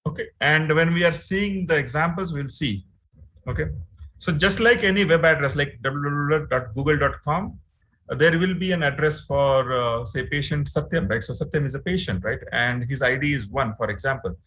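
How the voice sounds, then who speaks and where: A man's voice: a little high, normal speed, fairly bright tone, poor audio. A man with an Indian English accent giving an online training lecture, explaining step by step with many fillers and frequent "right?" checks. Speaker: instructor.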